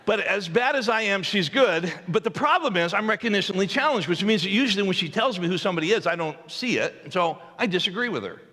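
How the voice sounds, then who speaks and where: A man preaching with a high, bright, forceful voice, spinning a self-deprecating anecdote for his congregation. His words ring out with a long reverb from the church auditorium. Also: expressive, fast talker, hardly any pauses. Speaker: pastor. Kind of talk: humorous storytelling sermon.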